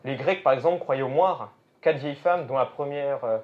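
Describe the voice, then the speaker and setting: With a medium-pitched voice at a normal speed, a French stage magician gives live show patter. He talks to the audience while thinking aloud. The recording is dull and lo-fi, with music playing.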